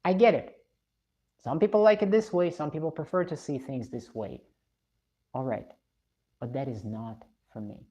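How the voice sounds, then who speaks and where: Low, dark-voiced woman, blunt live streamer, slightly dull lo-fi sound. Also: moderate pace, long pauses. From Russia. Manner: blunt and opinionated. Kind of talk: live stream chat reading comments.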